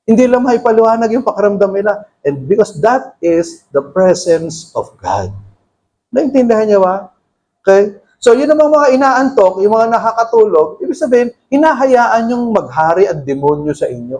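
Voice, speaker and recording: A middle-aged man delivers a sermon in a notably high voice. He is emphatic, and he often pauses to ask the congregation whether they follow him. He reads scripture aloud. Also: big pitch swings, darkish tone, rough recording. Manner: emphatic, repeatedly checks that listeners understand. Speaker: pastor. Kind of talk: bilingual sermon with scripture reading.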